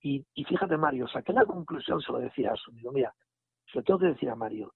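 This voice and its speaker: A man, telling a story in a casual, animated way and acting out the dialogue. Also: medium pitch, fast talker, gravelly, husky, no echo. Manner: animated retelling with quoted dialogue and restarts. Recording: phone line audio.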